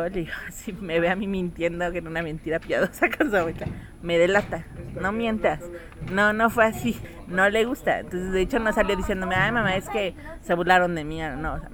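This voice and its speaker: A woman's voice: on the low side, fairly quick, crowd noise. A woman telling a family story in casual chat, acting out the voices of her child and others.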